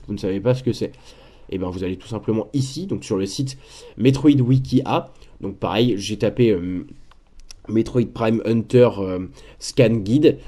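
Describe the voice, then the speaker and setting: Man, mellow tone, chatty, repeats words, casual gaming commentary. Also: medium pitch. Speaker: gaming walkthrough creator. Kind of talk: casual screen-share commentary.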